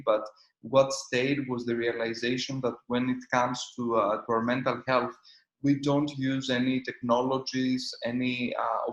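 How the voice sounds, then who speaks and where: A Greek-accented man in his thirties speaks in an even, flat tone, stopping often with "uh" between phrases. His voice sits at an ordinary pitch, and the room around him sounds echoey. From Greece. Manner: hesitant, many "uh" fillers. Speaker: startup founder and CEO. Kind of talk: conference interview.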